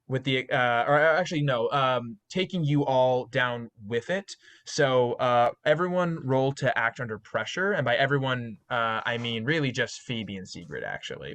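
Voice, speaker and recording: A man narrating a tabletop horror game as game master, talking haltingly with many fillers and self-corrections. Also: mid-range voice, fairly bright tone.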